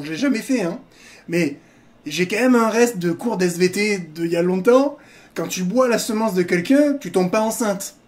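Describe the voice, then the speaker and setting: A man's voice: high voice, darkish tone. A man hosting a casual reaction video with crude jokes, frequent laughter and rambling asides that turn serious. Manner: crude joking, laughs often; digressive, drifts between jokes and serious remarks.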